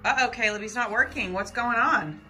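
An excitable woman in her thirties chats her way through a family vlog, cheering on her kids and the viewers. Her voice sits a little high. Clear background music runs beneath her throughout. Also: brisk. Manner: upbeat and excitable, coaxing the children and the viewers. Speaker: parent and channel host. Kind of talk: casual family vlog chat.

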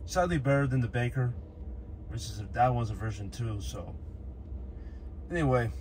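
A man's voice: medium pitch, expressive, moderate pace, a little mellow. A man vlogging a road trip from inside his car, chatting and thinking aloud with small fillers. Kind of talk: casual driving commentary. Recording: car noise in background. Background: car road noise.

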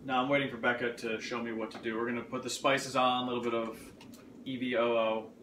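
A man's voice: mid-range voice, flat delivery, fast, a bit bright. Guy in his 30s cracking jokes while cooking, mic across the kitchen, echoey room, some noise. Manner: joking, playful. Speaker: show host. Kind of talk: casual cooking show banter. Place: home kitchen, indoors. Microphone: camera across the room. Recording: echoey kitchen from far off, noisy.

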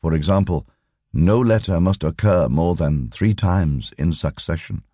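A male audiobook reader plays an imperturbable lama who speaks with formal patience. His low, measured, warm voice is recorded dry and close with no echo, and the mood is patient and formal.

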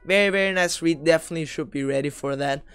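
A man's voice: on the high side, quick pace, fairly bright tone, clean tone, no room sound, faint music behind. A young man from Austria giving casual, chatty commentary in a video game strategy tutorial, talking through plays analytically and tossing in offhand jokes.

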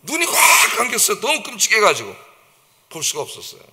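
A man's voice: high-pitched, huge pitch swings, fairly quick, sharp tone. A man preaching a dawn-service sermon as a pastor, emphatic and vivid, acting out the taunts of mockers. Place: church sanctuary. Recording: long church reverb.

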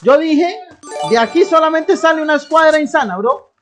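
A woman's voice: high voice, lively intonation, normal speed, soft background music. A young woman from Colombia, live-streaming a game and hyping up her chat in slangy banter. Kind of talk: live gameplay commentary.

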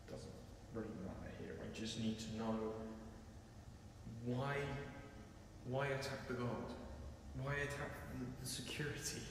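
A man acts as an earnest paranormal investigator in found-footage horror, with a mid-pitched voice. He talks haltingly and uneasily, in a very echoey space over clear background noise. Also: fairly even intonation, natural voice. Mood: earnest, pleading. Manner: hesitant, halting, talking gently to spirits. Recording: very echoey empty building, noisy ambience.

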